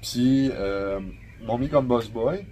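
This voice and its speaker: A man's voice: medium pitch, slow pace, a little hiss or hum, rough recording. Slangy young Québécois man telling stories. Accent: Québécois French. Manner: slangy, profane, animated storyteller. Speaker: podcast guest. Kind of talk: casual storytelling chat.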